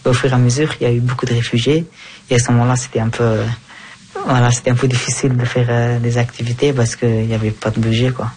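A young man from Afghanistan giving a calm personal account in an interview, speaking carefully and correcting himself as he goes. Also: medium pitch, quick pace, slight background noise. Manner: careful speech with self-corrections and fillers.

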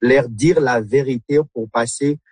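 A man's voice: medium pitch, measured pace, a little mellow, breathy edge, no echo. A man from the Democratic Republic of the Congo, a guest in an interview, speaking earnestly with many hesitations and repeated words. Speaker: guest, literary club member. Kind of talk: radio interview.

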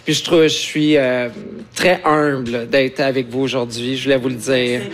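A man with a Quebec French accent speaks as a guest in a casual interview. His voice sits at a middle pitch, and he explains himself in an earnest, conversational way. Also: steady tone, moderate pace. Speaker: guest, celebrity impersonator.

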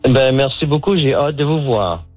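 Calling in from Moncton, Canada, this pickleball coach in his sixties is a guest on a radio phone interview, with music in the background. His medium-pitched voice has lively intonation at a normal pace, though he hesitates and fills and restarts a lot. It comes through a tinny, dry phone line.

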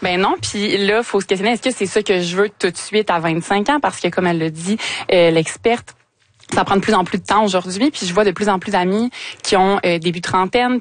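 Québécois woman, 25, earnest radio guest, mid pitch, dry studio sound. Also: no echo. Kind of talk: radio interview.

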